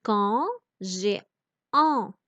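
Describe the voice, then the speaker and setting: A woman teaching French reading, speaking slowly and over-articulating each word as she explains pronunciation. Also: medium pitch, lively intonation, sharp tone, dry recording. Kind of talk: reading lesson. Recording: dry, dull lo-fi sound.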